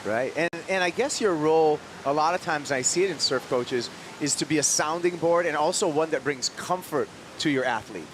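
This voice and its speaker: Laid-back male surf announcer, noisy broadcast. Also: on the high side. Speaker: surf contest commentator. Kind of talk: live sports commentary. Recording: steady hiss and outdoor rushing noise.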